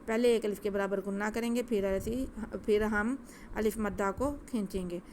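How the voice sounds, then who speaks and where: A woman teaching Quran recitation step by step, explaining gently and patiently at a quick pace. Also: mid-range voice, steady tone, a little hiss or hum.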